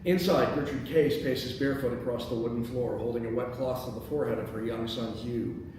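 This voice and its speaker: A man hosts a script table read in an indoor meeting space, reading out the stage directions. His voice is medium-pitched and a little mellow, with fairly even intonation and a slightly fast pace. The recording is very echoey, with a distant mic and background noise.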